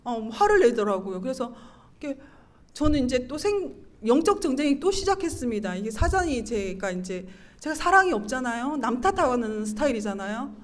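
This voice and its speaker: High-pitched woman giving an emotional testimony. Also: normal speed. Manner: animated storytelling, acting out her own quoted lines, laughing and tearful at times. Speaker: church deaconess giving a testimony.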